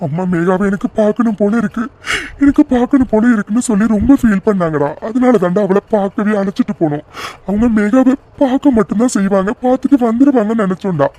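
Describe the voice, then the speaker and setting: A worried father in a cartoon, full of regret, voiced by a performer. His voice is warm and mellow. He explains himself anxiously and admits he never expected this. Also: medium pitch, fast, dry recording, natural voice. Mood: regretful. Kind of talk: cartoon voice acting.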